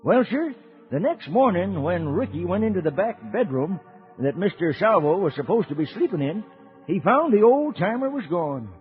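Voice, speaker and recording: Uncle Smoky, swooping high-pitched old cowboy. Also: male voice, very animated, moderate pace. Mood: folksy, eager. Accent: American Western. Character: folksy old cowboy uncle storyteller, kindly and excitable. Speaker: narrator of a children's radio serial. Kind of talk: old-time Western radio storytelling. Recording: tinny old radio recording, music behind.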